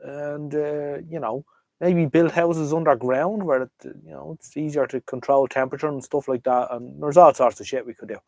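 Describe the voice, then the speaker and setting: An Irish livestream host chats casually with viewers about vintage radios, his fairly high voice steady at a normal speed, a little mellow with vocal fry. He's hesitant yet opinionated, trailing off and hopping from thought to thought. The recording has no room sound.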